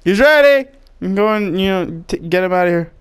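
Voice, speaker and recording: A man giving comedic gameplay commentary, excitable, bantering as a mock doctor and yelping and shouting at mishaps. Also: sits high, quick pace, clean tone. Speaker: gaming video creator.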